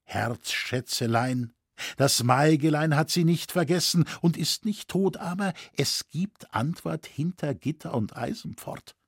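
A man voicing a gentle old woodcarver in a storybook reading, speaking raised and a little trembling. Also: on the high side, a little slow, slightly rough, no echo, clean studio sound, pitched above the performer's own voice.

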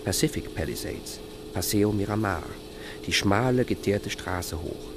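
A man reading scripted documentary narration in a calm, measured, contemplative way. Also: fairly low pitch, background noise.

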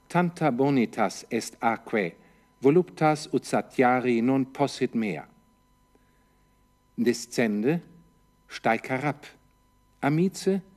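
A man's voice: medium pitch, a little mellow. A man teaching a Latin translation lesson, parsing each word step by step and asking himself questions before answering them. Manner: parses grammar line by line.

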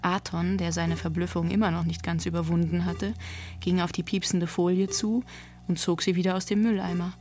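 A woman reading an audiobook story in a calm, even storytelling manner. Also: lowish voice, normal speed, slight background noise. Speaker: narrator. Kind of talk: audiobook narration.

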